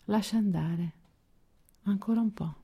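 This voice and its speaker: A woman guides a progressive muscle relaxation exercise as a scripted narration, giving calm, measured instructions with deliberate pauses. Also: medium pitch, breathy edge, dull audio.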